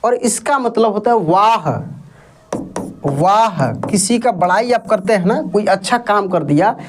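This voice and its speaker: Slow, patient woman teaching English. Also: medium pitch, animated, noisy background. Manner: slow, repeats words and asks the viewer questions; spells words letter by letter. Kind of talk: spoken English lesson.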